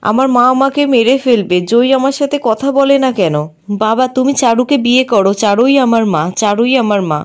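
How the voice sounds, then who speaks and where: Feverish, delirious young girl who pleads, read out by a woman narrator, slightly high voice. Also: normal speed, natural voice.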